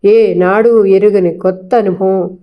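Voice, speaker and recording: A woman narrating a novel aloud in a steady, expressive storytelling manner. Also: mid-range voice, slow, muffled recording. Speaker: audiobook narrator.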